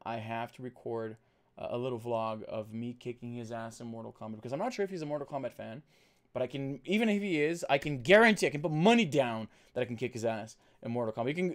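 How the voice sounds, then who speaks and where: A Brazilian man, a native Portuguese speaker, chats casually on a livestream and reads out the chat. His voice is mid-range, and he rambles with restarts and fillers, deliberately slowing down as he's been trained to do on camera.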